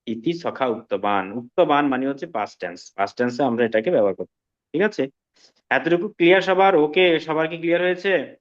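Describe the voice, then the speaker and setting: A man teaching an online language class, explaining slowly and often checking that students follow. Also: fairly high pitch, highs cut off. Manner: slow, patient explaining with frequent check-ins to students. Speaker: Sanskrit teacher.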